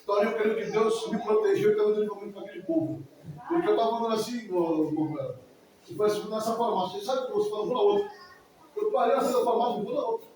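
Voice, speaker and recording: Fast-talking man testifying in an echoey church. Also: sits high, darkish tone. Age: 40s. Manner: emotional, rambling, repeats himself. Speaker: church member giving testimony. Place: church hall. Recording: echoey hall from far off, faint noise.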